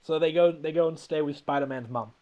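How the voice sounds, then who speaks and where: A man's voice: fairly high pitch, brisk, darkish tone, highs cut off. A man hosting a podcast, rambling and laughing as he recaps a film in casual comedic chat. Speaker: podcast host.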